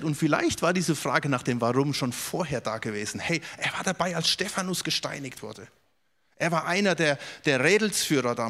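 A man preaching a sermon, earnest and direct, repeating words for emphasis and dropping to a soft voice for quoted questions. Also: fairly high pitch.

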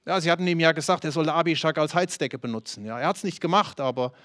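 A man's voice: a little high, quick pace, a bit bright, no echo, clean studio sound. A man preaching a sermon with urgency, challenging listeners directly and acting out the voices of their excuses.

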